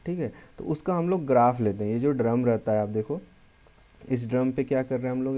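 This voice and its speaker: Male pharmacy lecturer, Hindi accent, very dark mellow tone, patient explanatory delivery. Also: medium pitch. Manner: explanatory, repeats key terms, mixes English terms into Hindi. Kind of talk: classroom lecture walkthrough.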